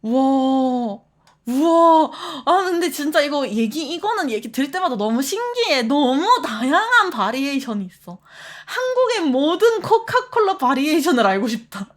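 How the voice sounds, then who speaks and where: A woman streamer chatting away with her viewers in a high, bright voice. Her pitch swings up and down constantly as she reacts to the chat with laughter and surprise. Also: normal speed. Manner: animated, laughs often, reads chat aloud.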